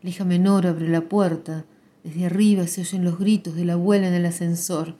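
A woman narrator, reading a literary text in a quiet, measured way. Her voice is low-pitched and dark, with a mellow warmth. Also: fairly even intonation.

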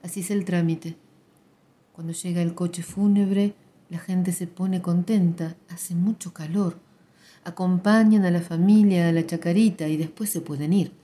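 A woman giving a quiet, restrained literary reading. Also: fairly low pitch, steady tone, unhurried. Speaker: narrator.

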